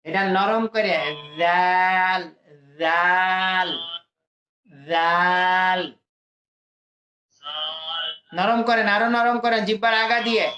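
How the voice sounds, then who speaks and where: Slow, drawn-out male Quran teacher. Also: high-pitched, steady tone, pushed and bright, echoey room, dull audio. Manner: slow, drawn-out letter drills for students to repeat. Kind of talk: adult Quran reading lesson.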